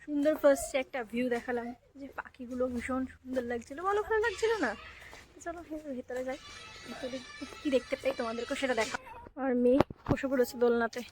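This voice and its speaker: A woman's voice: sits high, quick pace, music in the background. A woman with a Bengali accent chatting to viewers as she walks through an outdoor park on a phone camera. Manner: chatty, addresses viewers directly, drops to a hush at times. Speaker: vlogger. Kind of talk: casual walking vlog.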